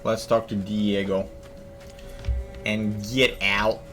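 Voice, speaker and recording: Faint game music underscores a young man's casual gaming commentary, full of jokes and thinking out loud. He speaks slowly in a lowish, level voice with a slightly bright quality.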